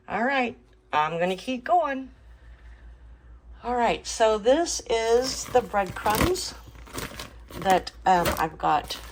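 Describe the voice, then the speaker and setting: A middle-aged woman hosting a home cooking video, chatting casually with lots of fillers and small laughs. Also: lowish voice. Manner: chatty, relaxed, many fillers and little laughs. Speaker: cooking channel host. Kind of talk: casual kitchen vlog narration. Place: home kitchen.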